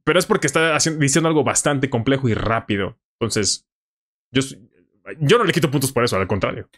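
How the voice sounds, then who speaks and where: A man with a Mexican Spanish accent giving casual, animated reaction commentary on someone's English. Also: mid-range voice, fast. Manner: animated, enthusiastic, frequent fillers. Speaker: YouTuber analyzing English.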